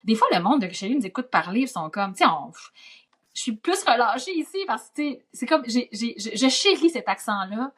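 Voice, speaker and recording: Woman guest, actress, softened Gaspésie accent, raised pitch, lively conversational storyteller. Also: brisk, husky. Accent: Gaspésie French, softened toward standard Quebec French. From Gaspésie, Quebec. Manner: chatty, lively storytelling full of asides. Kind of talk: casual podcast conversation.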